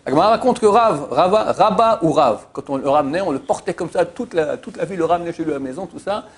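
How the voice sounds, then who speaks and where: A man's voice: on the high side, fast, husky. A man giving an informal Torah class, telling anecdotes with emphatic repetitions and many hesitations. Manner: animated storyteller, emphatic repetitions, frequent filler "euh". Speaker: Torah teacher. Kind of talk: informal religious teaching with anecdotes.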